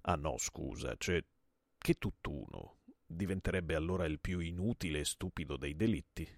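A man voicing a terrified man with a pitched-up voice. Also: animated, moderate pace, gravelly, dry recording, clean studio sound, exaggerated voice. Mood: protesting. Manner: frightened and pleading. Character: terrified, pompous small-town man. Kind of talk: dramatic reading of a play.

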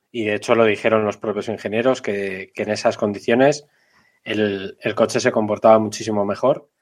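A man with a Castilian Spanish accent giving opinions casually as a motorsport podcast panelist, repeating points for emphasis. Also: fairly low pitch. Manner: colloquial, emphatic repetition.

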